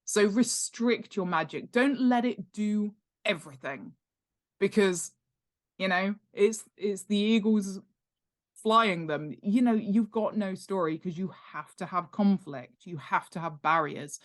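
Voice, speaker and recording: In a medium-pitched voice that's a little slow, an author and world-building expert guests on a podcast for a casual instructional interview chat. She is animated and emphatic, stressing key points through repetition, and stays informal with rhetorical questions and acted-out examples.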